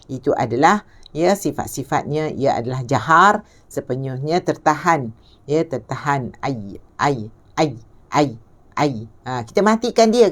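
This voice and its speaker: A middle-aged Malaysian woman teaching Quran pronunciation, patiently repeating sounds and asking checking questions. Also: deep voice. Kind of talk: tajwid lesson on letter pronunciation.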